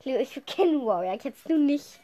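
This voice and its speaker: Young woman on a podcast, high lively voice, playful teasing banter. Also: measured pace. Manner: playful, bursts of laughter, reads descriptions aloud. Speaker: podcast co-host. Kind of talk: casual chat, quiz banter.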